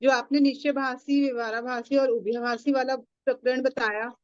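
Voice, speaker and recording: A woman's voice: sits high, little pitch movement, moderate pace, no room sound, muffled recording. A woman student politely speaking up in a class to comment to her teacher. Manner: polite, addresses the teacher respectfully. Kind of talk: question in class.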